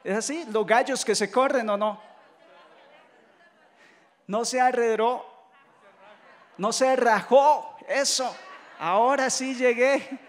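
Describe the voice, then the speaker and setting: High-voiced Colombian priest preaching in a reverberant hall. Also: male voice, slow pace, long pauses, some chatter behind. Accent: Colombian Spanish. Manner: lively storytelling preacher who mimics voices and jokes. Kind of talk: retreat sermon.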